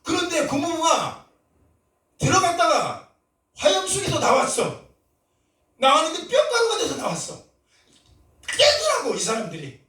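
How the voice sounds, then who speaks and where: A middle-aged man preaching a sermon with passion, moving between soft talk and shouted cries. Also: very high voice, huge pitch swings, unhurried, pauses often. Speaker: pastor. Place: church sanctuary. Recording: roomy church echo, from a distance.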